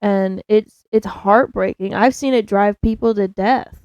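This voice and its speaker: A woman's voice: medium pitch, a little slow, darkish tone, dry recording, muffled recording. A young woman co-hosting a casual podcast, speaking hesitantly and searching for words. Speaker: podcast co-host.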